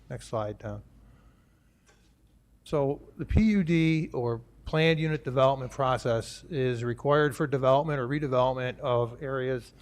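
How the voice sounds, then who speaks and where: A man, the town planning director, presenting a proposal at a public board meeting, speaking with many fillers and restarts. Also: mid-range voice. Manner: halting, many fillers, jokey asides.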